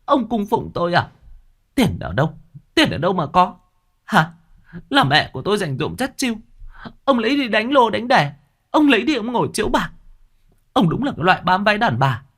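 A man's voice: sits high, huge pitch swings, normal speed, long pauses, fairly bright tone, breathy edge, pitched above the performer's own voice, full character voice. A man voicing a furious, desperate young village woman who shrieks her accusations in a ghost story. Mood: screaming accusation.

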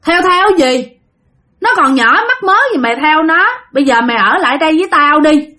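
A woman's voice: high voice, expressive, fairly quick, bright, forceful tone, voice pushed up. Woman putting on a stern old hermit healer. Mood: scolding. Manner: scolding, commanding.

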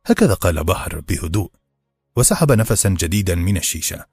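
A man narrating a novel in a steady, measured storytelling voice. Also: deep voice, husky, dry recording, faint music behind. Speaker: audiobook narrator.

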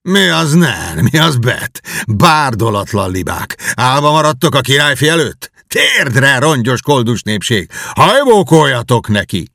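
A man voicing a coarse, brutal middle-aged beggar father who bullies and shouts. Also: medium pitch, big pitch swings, vocal fry, few pauses, no room sound, studio quality, voice pushed up, full character voice. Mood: mocking, bullying. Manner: bullying, shouting.

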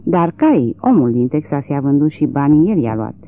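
Un bărbat care dă glas unui judecător bătrân și fragil, neliniștit și ezitant. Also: male voice, on the high side, sing-song. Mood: weary. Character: old, frail, troubled country judge. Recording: tinny lo-fi narrow-band recording.

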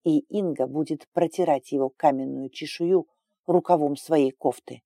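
A woman narrating a romance story in a calm, even reading voice. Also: deep voice, moderate pace, dry recording, studio quality.

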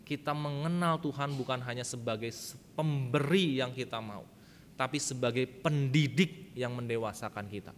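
A male pastor preaching a sermon, telling a childhood story in a lively way and often turning to address the congregation. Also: moderate pace. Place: church sanctuary. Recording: reverberant church hall with faint rumble.

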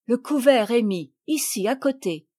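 A woman voicing a sea-captain father in an audiobook, speaking in a calm, measured, firm way. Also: fairly high pitch, slightly rough.

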